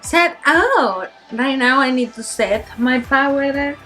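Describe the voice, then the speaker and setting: A woman's voice: high-pitched, expressive, slow, bright, forceful tone, faint music behind. A tipsy woman with a Spanish accent hosts a casual makeup tutorial, rambling in a giggly drunk way. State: tipsy from shots.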